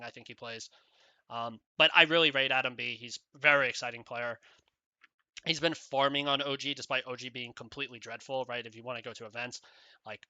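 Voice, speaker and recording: A man's voice: medium pitch, pushed and bright, dry recording. A man giving rambling solo esports commentary, casual, with many fillers and "right?" tags.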